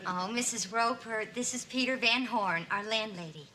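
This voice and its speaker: A woman's voice: fairly high pitch, normal speed, noisy background, natural voice. An actress playing a polite, flustered woman fending off a suitor, on an old TV soundtrack with a studio audience.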